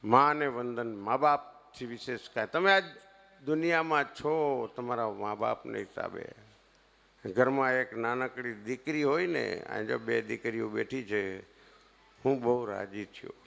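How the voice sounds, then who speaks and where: Performing comic storytelling on stage before a seated crowd, a man with a Kathiawadi Gujarati accent alternates between booming punchlines and quiet asides. He speaks at a measured pace in a medium-pitched, creaky voice.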